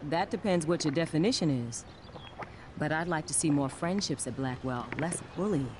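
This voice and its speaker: A woman voicing an earnest, caring science teacher in a video game, speaking in a measured, explanatory way. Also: sits low, a little mellow, close to an everyday voice. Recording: game audio under a livestream, with background noise.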